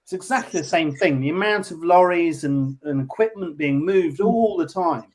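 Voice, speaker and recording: Earnest man with a slightly high voice. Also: normal speed. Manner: earnest, explains with facts and figures. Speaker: panellist. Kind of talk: casual explanatory talk.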